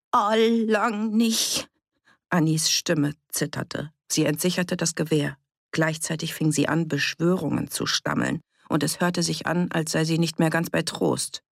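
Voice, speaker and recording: A woman narrating a novel for an audiobook in a steady, measured storytelling manner. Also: sits low, creaky, husky, dry recording, clean studio sound.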